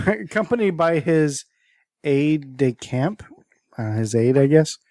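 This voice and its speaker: Speaking slowly with a warm, fairly high voice, a man hosts a podcast and casually works through a list of strange stories. Greek is his first language, and he sometimes stumbles on names and words as he tells them. The recording is clean studio audio with no echo.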